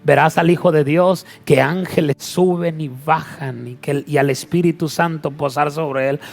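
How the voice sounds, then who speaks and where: A man's voice: fairly high pitch, steady tone, measured pace, gravelly. A man voicing Jesus in a retold Bible scene, speaking in a tender, intimate way. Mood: assuring.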